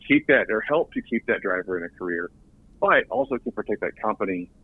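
A man's voice: lowish voice, expressive, brisk, husky, no room sound. A man, a guest on a podcast interview, talking in an earnest way and often repeating words as he restarts. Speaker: recruiting director guest. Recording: tinny phone line.

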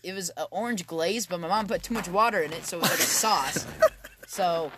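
A man's voice: high-pitched, a little fast, background noise. A teenage boy co-hosting a podcast outdoors, ranting in a rambling, stammering way full of restarts. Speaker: podcast co-host. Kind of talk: casual chat among friends. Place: outdoors on a backyard trampoline.

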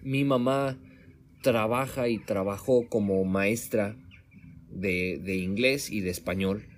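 A man from Mexico, acting as the interviewer, talks casually in a home room in Sweden, often restarting and correcting himself. His voice is on the low side and he speaks slowly. There's a little hiss or hum.

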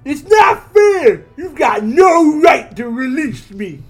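Comic-book foiled crook played by a man: sputtering, indignant, high and shouty, very animated. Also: a little slow, heavily acted. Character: sputtering foiled male crook insisting on his guilt. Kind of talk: comic read-aloud of comic-book dialogue.

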